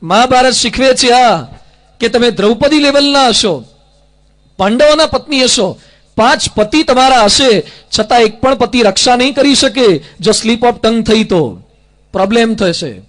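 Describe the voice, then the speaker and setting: A man's voice: extremely high pitch, lively intonation, measured pace, a bit bright. A middle-aged man with a Gujarati accent, a monk giving a sermon, who tells stories and acts out the dialogue between the characters in them. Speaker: monk and preacher.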